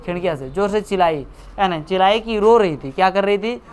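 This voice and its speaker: A man's voice: high voice, lively intonation, fairly quick. A man teaching a class, chatty and joking, teasing and scolding his students. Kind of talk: classroom lecture explaining a story.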